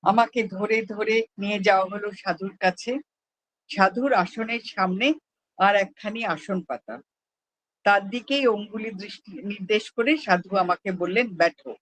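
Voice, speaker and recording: A person reading a personal memoir aloud at a prayer gathering, in an unhurried, measured storytelling manner. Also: mid-range voice, a bit bright, rough recording.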